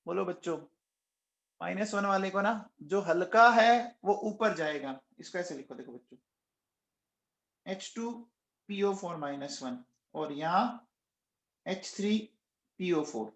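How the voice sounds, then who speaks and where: A man's voice: sits high, slow pace, creaky, pauses often, roomy sound. A man teaching a chemistry class online, coaxing and quizzing his students again and again and raising his voice to get answers. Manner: raises voice, says he is shouting nonstop. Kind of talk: live online class lecture.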